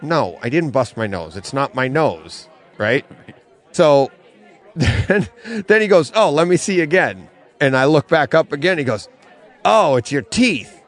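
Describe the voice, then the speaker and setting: A middle-aged man co-hosting a casual podcast from a comic bookstore, telling an animated story and laughing often. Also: fairly high pitch, a little slow, a faint crowd. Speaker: podcast co-host.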